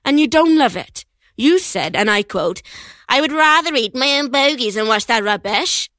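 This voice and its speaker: A woman's voice: high-pitched, lively intonation, normal speed, a bit bright, no echo, studio quality. A woman reading aloud and voicing a tired, grumbling father who mutters corrections. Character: weary grumbling father, a bit pompous.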